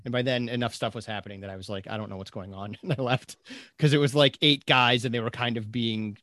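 Male podcast voice, mid pitch, dry sound, thoughtful and self-deprecating. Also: steady tone, brisk, a bit bright, no room sound. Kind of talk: casual conversational chat.

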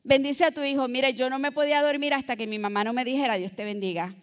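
A high-pitched woman delivers a sermon. She exhorts her listeners, one moment calling out loud, the next dropping to a soft, low aside. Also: steady tone, quick pace. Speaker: preacher.

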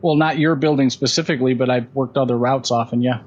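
A delivery driver, a man, talking calmly and a little apologetically over a phone call from his car on speakerphone. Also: mid-range voice, quick pace. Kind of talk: phone conversation.

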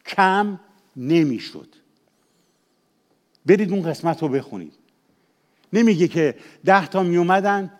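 An older man with a Persian accent, a pastor preaching a sermon, shifting between emphatic raised passages and quiet confessional asides. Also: on the high side. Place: church, at the pulpit.

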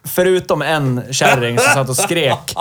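Laughing storytelling man, fairly high voice. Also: animated, fairly bright tone. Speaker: podcast co-host. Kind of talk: casual chat.

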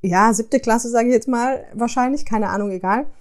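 A woman hosts her own podcast and tells personal stories in a relaxed, chatty way. Her voice sits somewhat high, and she talks expressively, often turning to address her listeners directly. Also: normal speed. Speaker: podcast host. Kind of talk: casual personal storytelling.

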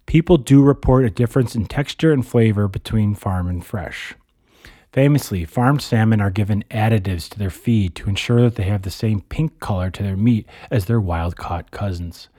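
Mellow low-voiced man narrating like a nature documentary. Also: normal speed, no echo, studio quality. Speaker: host, narrator.

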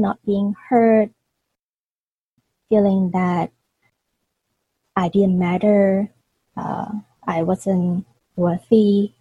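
A woman, a podcast guest speaking hesitantly with pauses and fillers. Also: mid-range voice, mellow, breathy edge, no room sound, low-quality recording. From Hong Kong. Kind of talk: casual interview talk.

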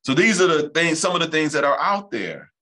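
A male pastor, teaching the Bible emphatically and reading scripture aloud slowly. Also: fairly high pitch, sing-song, pushed and bright.

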